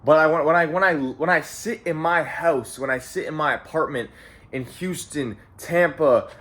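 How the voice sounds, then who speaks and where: A young man in his late teens from Canada, a vlogger at home, talks to camera with a fairly high pitch, moderate pace, and fairly bright tone. His young adult monologue is casual, profane, motivational, and rambling, full of repeated phrases and "bro."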